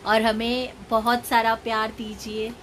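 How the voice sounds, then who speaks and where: A woman vlogging in a quiet, hushed voice, talking slowly to viewers and coaxing a little child. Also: fairly high pitch, little pitch movement. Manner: hushed, speaking softly so a sleeping child won't wake; coaxing, talks sweetly to a small child. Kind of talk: casual family vlog. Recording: noisy background.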